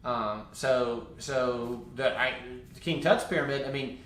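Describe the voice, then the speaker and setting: A man's voice: mid-range voice, takes it slowly, fairly bright tone, reverberant, a little hiss or hum. A man co-hosting a podcast who chimes in to add context and laughs along with the conversation. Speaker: podcast co-host. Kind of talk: casual conversation.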